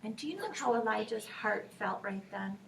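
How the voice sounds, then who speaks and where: A woman telling a Bible story to children, animated and swinging between loud lines and soft whispers. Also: medium pitch, moderate pace, creaky, recorded from a distance, slight background noise. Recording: recorded from across the room.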